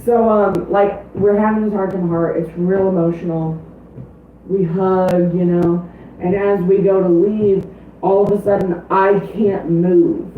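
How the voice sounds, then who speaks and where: A woman's voice: mid-range voice, fairly even intonation, measured pace, a little hiss or hum. A woman player telling a tabletop game story in casual, emotional chat, swearing often. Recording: distant echoey tinny lo-fi audio.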